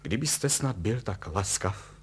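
A man's voice: lowish voice, lively intonation, a little hiss or hum, close to an everyday voice. Man doing an uneasy, stiffly polite father. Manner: hesitant, formal. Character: worried middle-aged father, stiff and polite.

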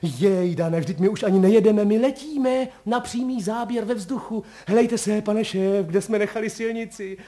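A man voicing an excitable, bashful young male chauffeur who exclaims in a high, jumpy voice. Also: lightly acted. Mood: thrilled. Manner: breathless exclaiming, pitch jumps high.

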